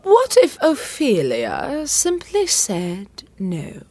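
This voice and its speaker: A woman's voice: mid-range voice, wildly swooping pitch, very slow, dark tone, dry recording, exaggerated voice. An actress playing an anxious, devoted middle-aged widowed queen in an audio drama, with refined, earnest and emotive delivery. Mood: coaxing.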